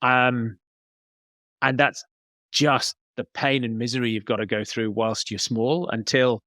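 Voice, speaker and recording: This podcast guest, a business coach, talks a little slowly in a mid-range voice that is pushed and bright yet steady in tone. In an interview, he explains conversationally and goes through examples step by step, and the recording is dry.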